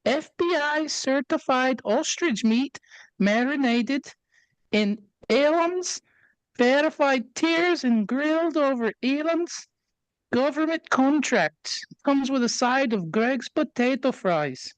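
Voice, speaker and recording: Lady doing a perky menu hostess in a wobbly scottish-ish brit accent, slow and bright-ish, dry sound. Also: high-pitched, lively intonation, dry recording, low-quality recording. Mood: cheery. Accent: put-on Canadian-British with Scottish touches. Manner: upbeat announcer patter. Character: chirpy woman sandwich-menu presenter.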